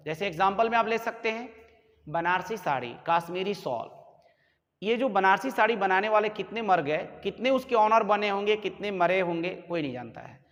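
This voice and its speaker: A man's voice: high voice, lively intonation, normal speed, a bit bright. A male commerce teacher, giving a classroom lecture and explaining with homely examples. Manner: explains with homely examples, calls listeners "babu". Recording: echoey room with long reverb.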